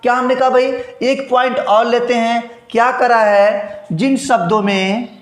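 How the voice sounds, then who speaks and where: A man's voice: extremely high pitch, steady tone, a little slow. A man teaching an exam-prep grammar lesson, asking and answering his own rhetorical questions and repeating key points. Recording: echoey room.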